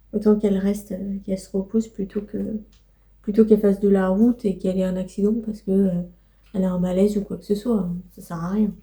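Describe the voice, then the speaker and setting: Chatty woman vlogging, mellow voice. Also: medium pitch. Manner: chatty, rambling, many fillers, coos to her pets. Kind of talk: casual vlog chat.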